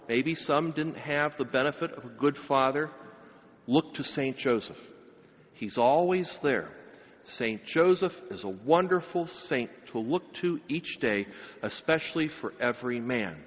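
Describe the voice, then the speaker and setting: A middle-aged man, a pastor, preaching a sermon and giving a blessing at a pulpit microphone, with emphatic, rising phrases. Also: on the high side. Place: large church. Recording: long church reverb, dull sound.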